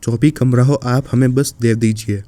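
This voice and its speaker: A man voicing a practical young woman traveller, calm and matter-of-fact, in a horror story. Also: medium pitch, moderate pace, no room sound, close to an everyday voice.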